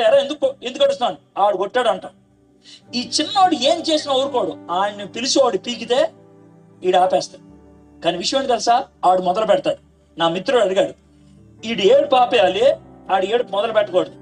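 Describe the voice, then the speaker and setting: Husky high-voiced man preaching a testimony. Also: poor audio. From Andhra Pradesh, India. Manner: animated storytelling, acting out dialogue. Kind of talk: testimony sermon. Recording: faint background music.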